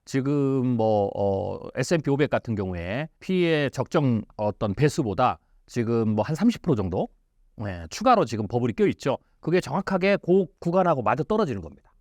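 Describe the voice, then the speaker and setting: A man's voice: medium pitch, big pitch swings, normal speed, a little mellow, no room sound. A man as an interview guest, explaining in an emphatic way with rhetorical questions. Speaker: futurist guest.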